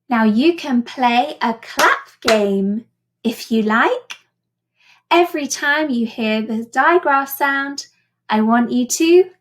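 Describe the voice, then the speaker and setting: A woman with a fairly high voice teaches phonics to children. She speaks extremely slowly, exaggerating each sound and word as a model. Her delivery is instructional, with short prompts that leave room for repeating. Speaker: teacher presenting a phonics lesson.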